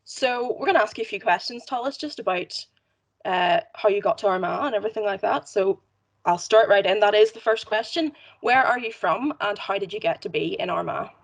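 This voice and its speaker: A woman's voice: mid-range voice, fairly quick, vocal fry. A woman hosting an interview, asking questions in an upbeat, encouraging way. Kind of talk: interview host.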